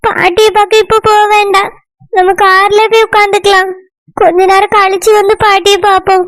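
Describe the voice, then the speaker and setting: A woman voicing a frightened little girl with a Tirunelveli Tamil accent in a village cartoon. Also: no echo. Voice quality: very high and bright. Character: anxious little girl afraid of her aunt. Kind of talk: cartoon voice acting.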